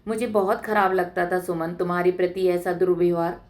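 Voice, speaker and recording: A woman's voice: on the low side, steady tone, brisk, natural voice. A woman voicing an affectionate young village woman back from college, in a read-aloud story.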